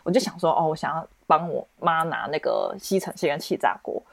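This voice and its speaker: A young woman, hosting a podcast and telling a story in casual, expressive chat. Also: deep voice, brisk, gravelly, no echo. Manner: animated, expressive, lots of restarts and exclamations. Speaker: podcast host.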